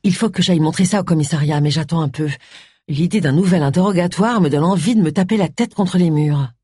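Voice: mid-range voice, a little fast, darkish tone, slightly rough, no echo, studio quality, close to an everyday voice. A narrator voicing a worried, talkative vicar's wife in an audiobook. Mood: anxious. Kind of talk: audiobook character reading.

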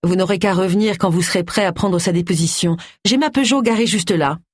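A woman's voice: lowish voice, brisk, a little mellow, breathy edge, dry recording. A woman voicing a sardonic middle-aged woman detective with a dry manner in an audiobook. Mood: firm.

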